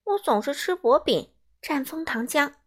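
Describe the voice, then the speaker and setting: A proud, fussy little storybook girl who complains in a high, loud voice, as a woman reads her. She sounds spoiled and sure of herself. The pitch sits well above an ordinary woman's speaking voice. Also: expressive, a little slow. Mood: huffy. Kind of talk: children's storybook reading.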